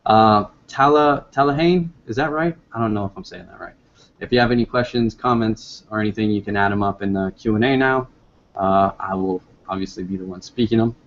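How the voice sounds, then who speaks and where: A man's voice: lowish voice, fairly quick, dull audio. A man hosting a casual live online discussion, rambling and upbeat with many fillers. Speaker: host.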